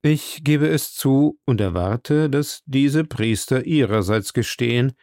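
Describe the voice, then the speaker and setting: A composed gentleman answers evenly and without hurry, as a male narrator reads him. His voice is low-key and gravelly. It sounds dry and close to the mic. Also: animated, no echo. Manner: measured and composed. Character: calm, composed English gentleman. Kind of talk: audiobook character voice.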